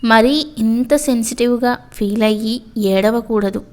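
A woman voicing a middle-aged female hostel warden who gives calm, lecturing advice, read in a storybook reading. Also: fairly high pitch, a little slow, close to an everyday voice. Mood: firm lecturing.

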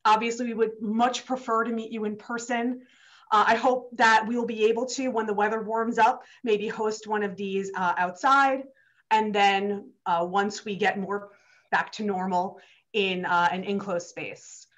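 A woman's voice: mid-range voice, steady tone, measured pace. A young woman opening a virtual town hall as the host, chatty, with many fillers and restarts, and a little out of breath. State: slightly out of breath. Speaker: state legislator hosting a virtual town hall. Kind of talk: casual opening remarks on a video call. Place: district office. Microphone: video call. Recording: dull lo-fi video call audio.

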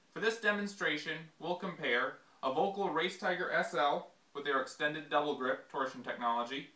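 A young man presenting for a ski company gives a scripted product demonstration in a small indoor workshop. His bright, fairly high voice is measured and explanatory as he reads from a script, and the room sounds echoey.

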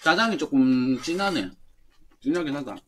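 A woman's voice: low-pitched, lively intonation, moderate pace, a little hiss or hum. Chatty woman chewing while talking. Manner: chatty, playful, asks viewers questions. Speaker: mukbang host. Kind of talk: casual food review chat.

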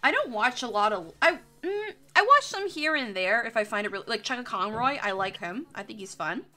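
A young woman live streamer chats casually while drawing, her voice a little high, sing-song, bright and pushed, moving slightly fast. Her banter is crude, jokey and full of swearing.

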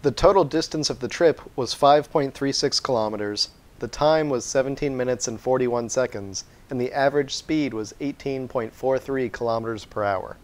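An American man in his thirties presents a scripted review in the manner of an online explainer. His voice sits at a middling pitch for a man. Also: normal speed, hardly any pauses. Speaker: vlogger and product reviewer.

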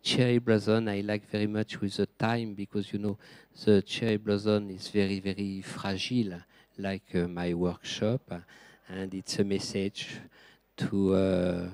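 A man with a French accent, a gem engraver answering questions in halting English and searching for words. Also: fairly low pitch, level tone, darkish tone, smooth, no echo. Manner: hesitant, searching for words, many fillers.

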